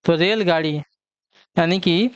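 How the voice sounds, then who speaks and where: A man's voice: high-pitched, slow, clear, resonant tone, no echo, dull audio. A man teaching an online exam-prep lesson. He repeats each question and answer and keeps checking in with his students.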